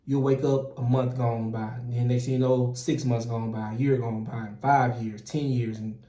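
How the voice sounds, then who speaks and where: A middle-aged man from Mississippi, giving earnest, animated advice as a channel host in casual talk. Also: mid-range voice, moderate pace. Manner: earnest and animated, frequent "man" and "you know", restarts, chuckles. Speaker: process operator and channel host. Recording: roomy echo.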